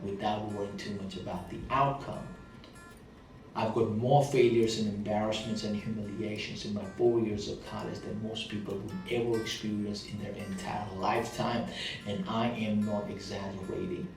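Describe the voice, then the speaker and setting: A man gives a heartfelt motivational monologue on the struggles of his past, leaning on repetition for emphasis; his accent is thick and Indian, and English isn't his first language. His voice is on the low side with vocal fry, picked up by a distant mic in a very echoey space with gentle guitar behind him.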